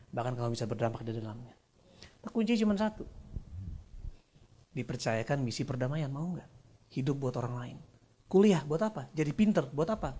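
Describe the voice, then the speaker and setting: A man in his thirties, a senior pastor, preaching a sermon in a casual, slangy way, swinging from loud bursts to hushed lines. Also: medium pitch. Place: church.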